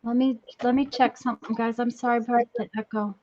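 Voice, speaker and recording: A woman casually hosting a live craft demonstration in a halting, folksy, apologetic way, her voice repeating with a strong echo. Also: a little high, level tone, a little mellow. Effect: strong distracting echo on the voice. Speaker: craft tutorial host. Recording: dull lo-fi sound with bad echo.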